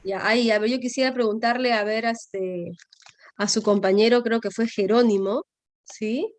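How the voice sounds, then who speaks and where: A woman's voice: on the high side, fairly even intonation, moderate pace, a little hiss or hum. A woman teaching a grammar class, explaining patiently and checking often with her students. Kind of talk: online class lecture.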